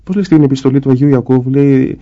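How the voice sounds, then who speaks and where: Man, priest, spiritual conversation, warm mellow tone, slightly high voice, explanatory, muffled recording. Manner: explanatory, acts out little dialogues. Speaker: Orthodox priest guest.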